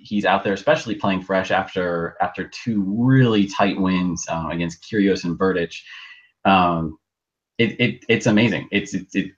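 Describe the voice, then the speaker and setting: Man on a dull, lo-fi internet call. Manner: halting, often restarts words. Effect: low-quality internet call audio. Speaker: podcast co-host. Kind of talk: casual chat. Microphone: video call. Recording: dull lo-fi video call line.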